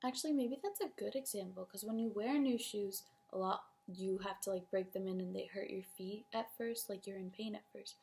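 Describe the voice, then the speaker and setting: A young woman vlogging about books, ranting in an animated, exasperated way with lots of "like". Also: medium pitch, normal speed, gravelly, few pauses. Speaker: book vlogger. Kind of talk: casual opinion vlog.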